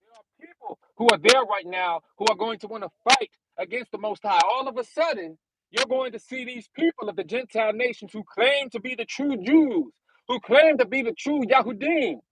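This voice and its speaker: A man's voice: very high-pitched, moderate pace, very noisy. A young man preaching outdoors on a live stream, reading scripture aloud and then expounding on it while calling his listeners y'all. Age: young adult.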